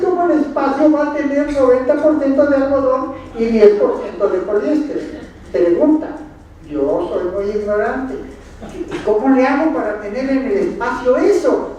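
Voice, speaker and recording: A man's voice: very high-pitched, dark tone. A man with a Mexican Spanish accent giving a lecture with slides at a conference, quizzing the audience with dry, ironic asides. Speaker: conference speaker. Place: lecture hall. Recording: very echoey hall, distant, faint noise.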